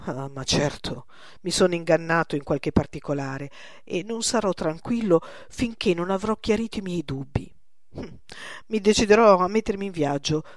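A woman's voice: on the low side, lively intonation, normal speed, dry recording, clean studio sound, close to an everyday voice. A woman voicing an old male master painter, exclaiming with passion. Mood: troubled. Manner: exclaiming, impassioned.

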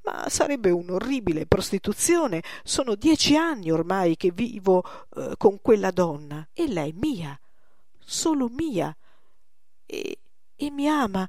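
A woman's voice: medium pitch, lively intonation, unhurried, darkish tone, dry recording, studio quality. A woman voicing an old male master painter, exclaiming with passion. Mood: anguished. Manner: exclaiming, impassioned.

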